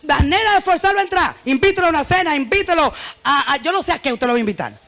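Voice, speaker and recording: A woman pastor preaching a sermon in church, lively and joking, often having the congregation repeat her phrases. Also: high-pitched, rapid-fire.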